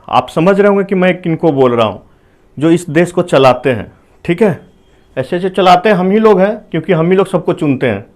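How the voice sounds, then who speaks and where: A man teaching a whiteboard math lesson, explaining step by step, asking his students questions and saying "okay" between points. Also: high voice. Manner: explains slowly, asks the class questions.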